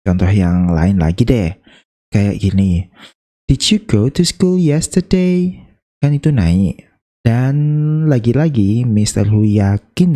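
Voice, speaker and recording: Casual teacher with a very dark, mellow voice. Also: male voice, lowish voice. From Indonesia. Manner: chatty, playful, slows down to demonstrate intonation. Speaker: English teacher. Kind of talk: casual spoken lesson.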